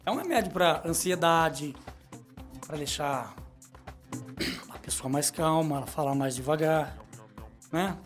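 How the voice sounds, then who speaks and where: A middle-aged man hosts a comedic radio show. He jokes, rambles and reads news items aloud in a small studio, with his pitch swinging up and down as he talks. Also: unhurried, long pauses, faint music behind. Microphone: studio microphone.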